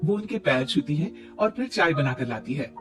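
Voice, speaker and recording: A man narrating a scripted cartoon story in a plain, steady way. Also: a little high, normal speed. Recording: distant mic, faint music.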